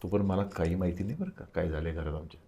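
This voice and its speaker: Older man telling a lively story. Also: low voice, quick pace. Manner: animated storytelling, acting out quoted dialogue. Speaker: interview guest.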